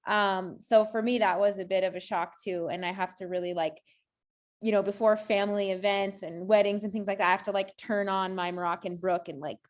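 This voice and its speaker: A woman's voice: mid-range voice, fairly even intonation, fairly quick. A woman from the United States talking casually as an interview guest, chatty and laughing as she talks.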